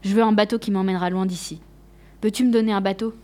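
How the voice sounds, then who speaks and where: A woman voicing a boy who grows into a tired old man, read in a quieter, lower tone. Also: fairly even intonation, quick pace, close to an everyday voice. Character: boy growing into a weary old man, always wanting more.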